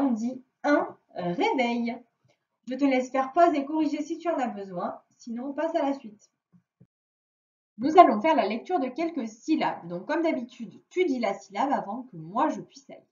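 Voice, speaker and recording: Female teacher, slow lively dictation, high voice, echoey dull distant recording. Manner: slow, careful, drawing out words to dictate. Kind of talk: remote reading and spelling lesson for a child. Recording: echoey room, distant mic, dull sound.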